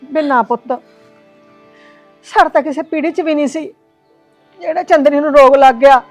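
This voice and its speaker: A woman acts out an elderly village mother, tender and devout, pleading softly in a high voice. She consoles and begs by turns in a drama scene. Faint music runs beneath her. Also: moderate pace. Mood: grieving. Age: older. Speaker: actor.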